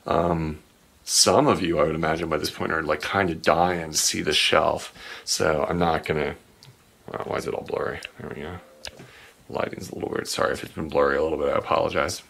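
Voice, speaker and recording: A man in his forties giving a rambling late-night tour of his game and art room in a low, sleepy voice, with many ums and uhs. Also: steady tone, brisk, creaky, a bit bright, breathy edge. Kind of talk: rambling home tour narration.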